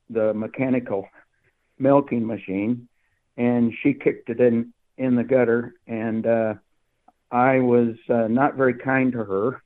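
Halting older man on thin radio line. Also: medium pitch. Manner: halting, hesitant, measured phrasing. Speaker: interview guest, author. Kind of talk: reflective anecdote in radio interview. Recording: narrow muffled phone-like radio line.

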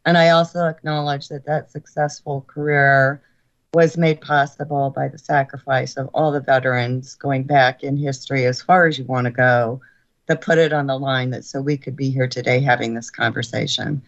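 An older woman speaking as a guest in a radio interview, earnest and grateful, with halting restarts, her voice sounding as if taped off the radio. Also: rumbling low, little pitch movement, dull audio. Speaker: guest author.

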